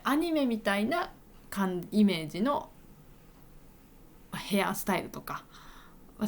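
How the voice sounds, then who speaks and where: A woman who hosts a podcast for learners, telling an everyday story and stopping to slowly explain and repeat words for her listeners. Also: medium pitch. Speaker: Japanese teacher podcaster.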